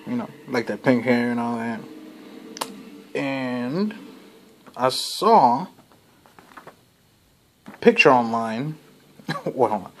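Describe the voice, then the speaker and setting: A man giving a casual, rambling comic book review, swearing often and laughing as he goes. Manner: rambling, laughing, profane, with sudden jumps in pitch.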